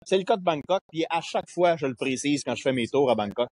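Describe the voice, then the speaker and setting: Man, Québécois French accent, husky, animated anecdotes, casual podcast chat. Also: a little high, fast. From Quebec. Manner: animated storyteller, acts out dialogue. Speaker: podcast guest.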